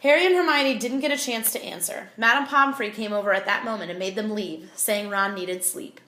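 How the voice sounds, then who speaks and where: A woman's voice: medium pitch, brisk. Woman reading a storybook in an echoey room. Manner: expressive, clear storytelling. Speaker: audiobook reader. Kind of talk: reading a children's novel aloud.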